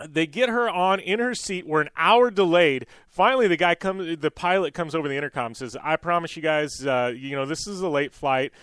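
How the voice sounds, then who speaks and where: A male radio show host telling a long anecdote in a casual, animated way with plenty of fillers. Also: fairly high pitch, brisk, few pauses, smooth, no echo, clean studio sound. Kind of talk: casual storytelling monologue.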